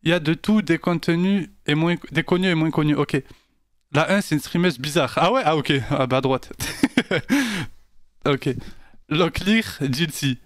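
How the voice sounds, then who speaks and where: High-voiced, lively male streamer. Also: unhurried, no room sound, clean studio sound. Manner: animated and slangy, talks straight to his chat. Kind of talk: casual live-stream chat.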